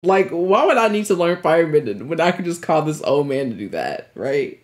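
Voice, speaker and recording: A man in his twenties with a fairly high, very animated voice hosts a reaction video from a small room at home. Talking at normal speed, he offers casual, slangy commentary full of exclamations.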